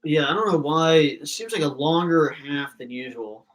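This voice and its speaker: Young man, casual fan stream host, rambling chatter, fairly high voice. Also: expressive, normal speed, a bit bright, rough recording. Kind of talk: casual live reaction commentary.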